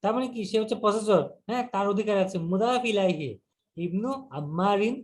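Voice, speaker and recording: A man teaching an Arabic grammar lesson, slowly repeating words and breaking them down step by step. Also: sits high.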